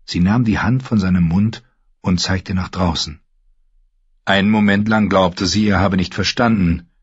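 A man narrating a story in a calm, measured storytelling manner. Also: low-pitched, husky, dry recording. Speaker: audiobook narrator. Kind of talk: scripted narration. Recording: dull lo-fi recording.

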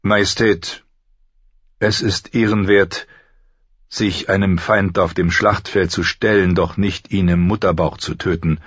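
Read by a man in his own low, husky voice, an old knight speaks up with quiet dignity. The sound is close and dry, a little dull. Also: steady tone, measured pace, dry recording, heavily acted. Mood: dignified. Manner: respectful, dignified. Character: old honorable male knight.

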